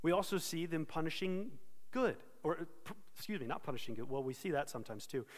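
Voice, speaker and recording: Pastor, male, somewhat high voice, earnest sermon delivery, reverberant hall. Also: lively intonation, fast. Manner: earnest expository preaching with self-corrections.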